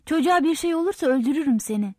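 A woman giving voice to a stern shouting father. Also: fairly high pitch, a little fast, no echo, clean studio sound, lightly acted. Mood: angry. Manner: shouting commands. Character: stern worried older father, landowner.

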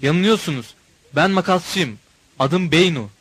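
A man voicing a kindly middle-aged railway switchman who speaks gently and politely. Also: a little high, expressive, unhurried, breathy edge, no echo, voice pushed up, heavily acted. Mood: gentle.

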